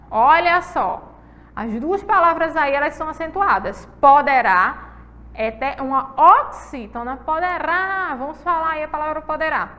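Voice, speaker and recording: High-voiced woman teacher, long reverb. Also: a bit bright. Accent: Brazilian Portuguese. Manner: slow, stretched-out syllables when stressing words, asks the class questions. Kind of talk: televised classroom lesson.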